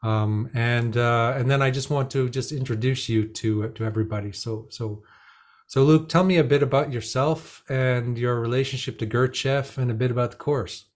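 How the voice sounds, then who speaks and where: A man with a medium-pitched voice hosting a casual interview. He is informal and a little teasing, and his phrases come out in halting pieces. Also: fairly even intonation. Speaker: podcast host.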